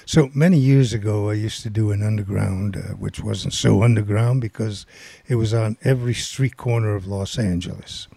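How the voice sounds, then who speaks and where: Gravelly older man telling a rambling story. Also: fairly low pitch, normal speed, dark tone, no echo. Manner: rambling, filler-heavy storytelling. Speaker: guest storyteller. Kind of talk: casual anecdote.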